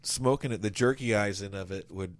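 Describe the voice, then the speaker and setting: A man's voice: lowish voice, fairly quick. A man from Florida in loose, profane, rambling banter among friends. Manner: rambling, profane, drifting asides. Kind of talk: casual crude banter.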